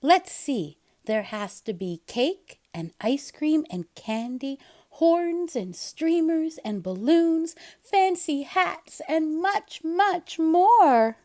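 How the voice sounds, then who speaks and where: An eager young tomcat from a picture book, played by a woman, high and swooping in pitch. He speaks in excited sing-song, stretching his words out slowly. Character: Splat, an eager, excitable young male cat.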